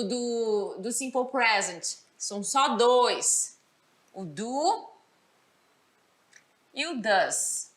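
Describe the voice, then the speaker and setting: A Brazilian woman teaching English grammar, her voice high and bright. She explains patiently and keeps checking that the class follows along. The sound carries a roomy echo. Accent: Brazilian Portuguese. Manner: explanatory, checks understanding with "certo?". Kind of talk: recorded school lesson.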